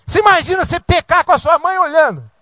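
A man's voice: very high voice, expressive, fast, pushed and bright, dry recording. A man preaching a sermon as pastor, in an emphatic, repetitive cadence.

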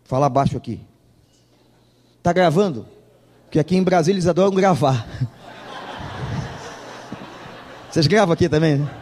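A man's voice: a little high, normal speed, long pauses, a little mellow, long reverb tail. A male pastor preaching a sermon, telling a humorous story and acting out the dialogue of its people.

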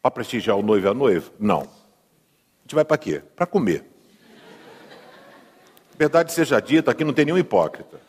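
A man's voice: medium pitch, big pitch swings, moderate pace, long pauses, darkish tone, breathy edge. A male pastor with a Brazilian accent preaching a sermon in a humorous, conversational way, often asking the congregation questions. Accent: Brazilian Portuguese. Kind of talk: sermon with storytelling. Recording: long hall reverb.

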